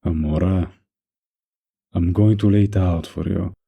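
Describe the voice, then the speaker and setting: In a heavily acted intimate roleplay, a man plays a mafia boss who is menacing yet kindly, with a gravelly, husky, deep voice. He is unhurried, lightly teasing and flirtatious, keeping a steady tone that feels firm and reassuring. The audio sounds dull.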